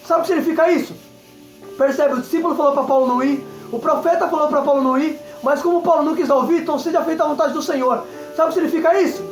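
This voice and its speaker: Brazilian evangelist man, high fervent preaching voice, echoey room, soft music underneath. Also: very fast. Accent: Brazilian Portuguese. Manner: fervent, repeats "entenda isso aqui", exclaims aleluia. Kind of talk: Pentecostal sermon. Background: faint music.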